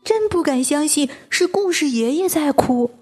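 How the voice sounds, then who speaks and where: An eager little chick boy from a storybook, voiced by a woman. He speaks high above the reader's own voice, bright and excited. Soft music plays under him. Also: brisk.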